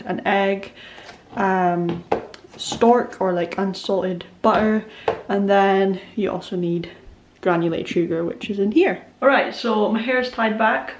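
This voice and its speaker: A young Scottish woman, in her twenties, keeps up casual, rambling chatter as she bakes at home, laughing at herself and filling gaps with likes and ums. The medium-pitched voice has a slightly mellow quality. She's recorded off-mic by a camera set away from her, giving an echoey, distant sound with slight background noise.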